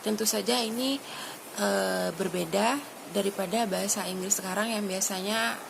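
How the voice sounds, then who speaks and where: A woman's voice: mid-range voice, fairly even intonation, normal speed, vocal fry, noisy background. A woman student giving a class presentation, explaining steadily with frequent hesitations.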